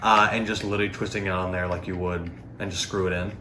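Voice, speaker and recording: Talking fast in a low voice that barely moves in pitch and sounds pushed and bright, a product reviewer rambles through a casual, unscripted demonstration with plenty of filler words. He is recorded in an echoey room with faint noise behind him.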